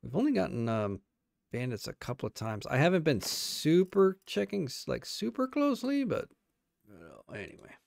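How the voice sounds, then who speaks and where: A man's voice: medium pitch, sing-song, moderate pace, creaky, no room sound, clean studio sound. A man streaming a game, chatting casually and talking to himself and his viewers as he plays. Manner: rambling self-talk to viewers. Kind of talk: casual gameplay commentary. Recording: loud game noise behind.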